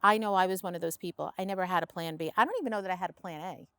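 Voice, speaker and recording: Woman interview host, slightly low voice, reflective and rambling, dry close sound. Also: racing, fairly bright tone, clean tone, dry recording. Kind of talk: casual interview chat.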